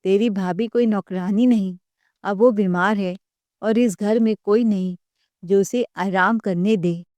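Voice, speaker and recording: A woman's voice: mid-range voice, steady tone, a little slow, darkish tone, no room sound, close to an everyday voice. A woman voicing an angry grown man defending his sick wife, speaking harshly and rebuking his brother. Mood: stern angry. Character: angry protective elder brother, adult man.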